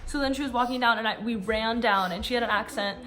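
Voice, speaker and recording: Young woman vlogger, slightly high voice, rambling storytime chat, phone mic in a car. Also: fast talker, a bit bright. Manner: rambling, fillers like "like".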